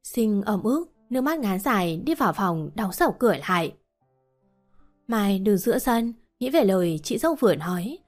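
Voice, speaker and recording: A woman narrating an audiobook novel in a steady storytelling manner, with faint music behind. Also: mid-range voice, moderate pace.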